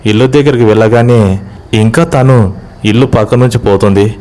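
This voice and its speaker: A man narrating a village horror story in a steady, measured way. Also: mid-range voice.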